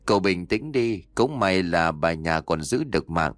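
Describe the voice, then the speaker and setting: A man voicing a calm, wise old male exorcist master who speaks in a measured, instructive way. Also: low voice, no echo, clean studio sound.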